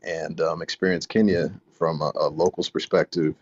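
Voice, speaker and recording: A man's voice: extremely low pitch, flat delivery, moderate pace, husky, dry recording. A man co-hosting and wrapping up in a laid-back, loose way with many fillers. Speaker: co-host. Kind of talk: casual wrap-up. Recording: dull lo-fi online audio.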